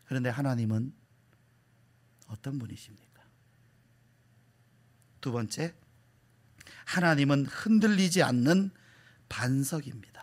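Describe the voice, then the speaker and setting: A male pastor preaching a sermon, asking the congregation questions and repeating key words, sometimes dropping to a soft whisper. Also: mid-range voice, expressive, measured pace, long pauses.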